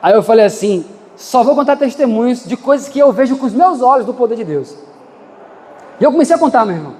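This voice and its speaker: In a very high, warm, sing-song voice, a man delivers a fiery sermon, lurching between rushed and drawn-out phrases. Long reverb makes it sound like a big church hall, and his pitch and pace swing dramatically with passion.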